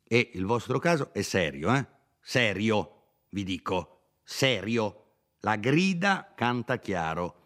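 A man voicing a scheming, pompous older country lawyer with a smooth, condescending manner, in a dramatized reading of a classic novel. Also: on the low side, very animated, slow, a bit bright, pitched above the performer's own voice, exaggerated voice. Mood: slyly advising.

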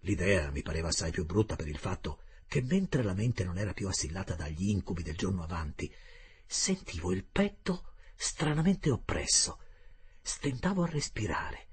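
A man reading a classic novel aloud in an expressive first-person storytelling style. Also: low voice, normal speed, slightly rough. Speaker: audiobook narrator.

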